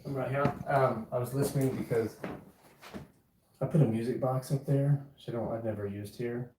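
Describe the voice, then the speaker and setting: A man's voice: medium pitch, fairly even intonation, normal speed, mellow, roomy sound, slight background noise. A man on a ghost hunt, explaining his setup and calling out to spirits. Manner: calls out to spirits. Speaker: ghost hunter. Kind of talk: casual conversation.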